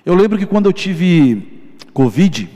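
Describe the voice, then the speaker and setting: Emotional preacher in a reverberant hall. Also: male voice, high voice, big pitch swings, warm tone. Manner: emotional personal testimony, slow emphatic repetitions. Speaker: pastor. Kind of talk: sermon.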